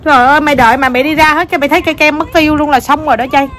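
A young woman with a high voice plays at being sad to tease her child. She mixes mock sulking with playful nagging. The home recording carries clear background noise. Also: steady tone, racing. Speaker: mother. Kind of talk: casual family vlog. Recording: noisy home video.

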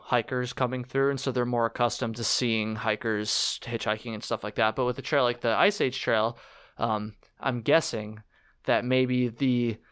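A young man hosting a podcast, chatting casually in a relaxed, slangy way. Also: mid-range voice, clear, resonant tone. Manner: relaxed, slangy, laughs easily. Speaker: podcast host. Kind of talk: casual interview chat.

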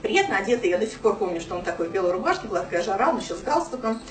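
Filmed from the other side of a small office with no mic, a woman in her thirties races through a chatty, filler-heavy personal story for a small business-meeting audience. Her mid-range voice has a sing-song lilt. Music plays in the background, and the audio sounds roomy and far away.

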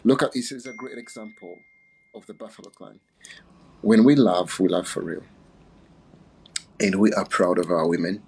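Very deep gravelly man from Uganda. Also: normal speed, pauses often, darkish tone, rough recording. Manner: playful, chatty, often laughing. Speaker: livestream host. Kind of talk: casual livestream chat.

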